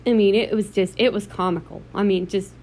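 A woman's voice: mid-range voice, steady tone, fairly quick, darkish tone. A woman co-hosting a casual gaming podcast, telling stories in a chatty, emphatic way. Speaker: podcast co-host.

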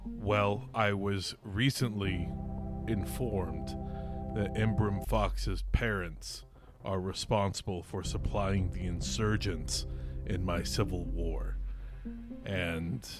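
A man voicing a courteous, formal male noble caught up in a civil war, speaking in measured, deliberate phrases. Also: deep voice, creaky, heavily acted.

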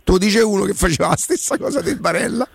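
A man's voice: high-pitched, lively intonation, quick pace, gravelly, breathy edge, no echo. A man talking football casually, in an emphatic, insistent way. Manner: emphatic, insistent Italian speech. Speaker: talk show host, former footballer.

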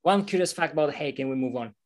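A man's voice: a little high, animated, rapid-fire, crowd noise. A man hosting a podcast, eagerly chatting with and questioning his guest. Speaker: podcast host. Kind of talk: casual interview.

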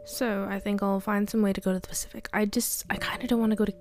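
A young woman rambling hesitantly through a personal audio diary, often trailing off and sometimes dropping to a soft whisper. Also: medium pitch, level tone, quick pace. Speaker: podcast diarist. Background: faint background music.

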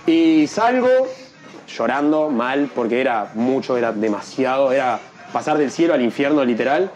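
A man's voice: moderate pace, lo-fi sound, slight background noise. A young man, telling a story as an interview guest and acting out the people he quotes. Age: young adult. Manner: animated, acts out quoted voices in a higher pitch. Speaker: guest, freestyle rapper.

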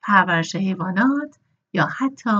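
A woman reading a novel aloud as an audiobook narrator, steady and measured. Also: medium pitch, slightly rough, highs cut off.

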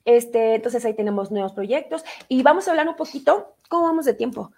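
A woman's voice: on the high side, fairly quick, creaky, a little mellow. A middle-aged woman with a Mexican accent, hosting a live online show in a casual, playful way, full of fillers and reading out viewer comments. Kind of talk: casual live-stream chat.

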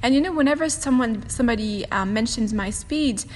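On a windy day beside the fireplace at home, a meditation teacher whose first language is French hosts her casual solo podcast, fast-talking and chatty with frequent laughs. Her voice has a fairly high pitch and is a little mellow. The room adds long reverb, and faint wind whooshes from the fireplace.

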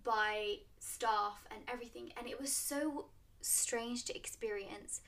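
A playful, chatty woman in her twenties hosts a relaxed conversation and often breaks into giggles. Her voice sits fairly high and sounds a little distant from the microphone. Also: takes it slowly. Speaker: podcast host, student nurse. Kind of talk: casual chat.

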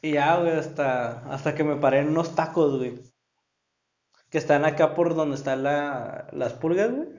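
A Mexican man co-hosting a podcast, chatting casually with friends, slangy and quick to laugh. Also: a little high, darkish tone. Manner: slangy, laughs often, swears freely. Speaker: podcast co-host. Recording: roomy, dull recording.

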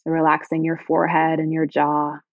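A woman leading a guided body-scan meditation in slow, soft, soothing phrases. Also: low-pitched, completely flat delivery, no room sound, phone-quality sound.

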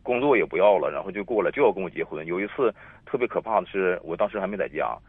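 Calling in to tell his personal story, this man in his thirties speaks fast with lively intonation, his deep voice carrying a breathy edge. He rambles and keeps repeating himself. It's a dry recording over a tinny phone line.

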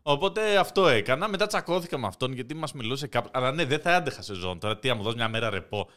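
A young man in casual podcast chat, an animated storyteller who laughs often. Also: medium pitch. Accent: Greek. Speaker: podcast co-host.

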